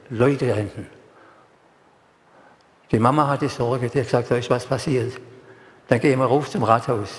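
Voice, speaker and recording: An older man from Germany preaching a sermon and giving personal testimony, speaking slowly and solemnly and repeating words for emphasis. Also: medium pitch. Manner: slow, solemn delivery. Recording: echoey hall, long reverb.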